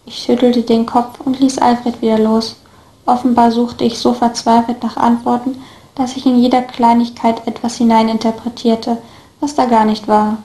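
A woman narrating a first-person story in a steady, even reading voice. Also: a little high, normal speed. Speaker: audiobook reader. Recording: echoey room.

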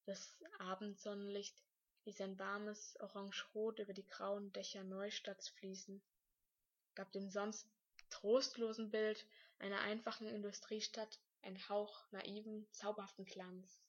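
A woman narrating a story aloud in a calm, measured way. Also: mid-range voice, highs cut off.

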